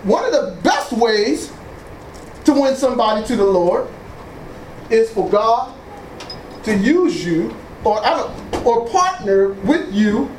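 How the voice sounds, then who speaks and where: Very animated but slow, with long pauses and a darkish tone, a pastor thunders through a sermon in a church hall, exclaiming praise and leading call-and-response. His mic is off, so he's heard from a distance in an echoey room with faint noise.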